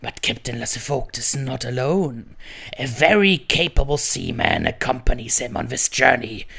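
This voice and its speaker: A man's voice: mid-range voice, huge pitch swings, moderate pace, creaky, sharp tone, husky, full character voice. A man voicing a boisterous pirate captain, hamming it up with pirate slang.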